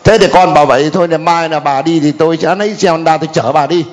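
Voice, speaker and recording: An older man telling a halting, hesitant personal testimony to a priest at a church gathering. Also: fairly high pitch, soft background music. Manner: hesitant, halting with many fillers. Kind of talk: spoken testimony. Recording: long hall reverb.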